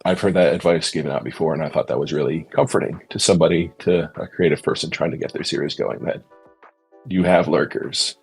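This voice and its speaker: A podcast host with a bass voice and vocal fry talks fairly quickly in a casual discussion, earnest and thoughtful as he searches for words. Faint music plays behind him.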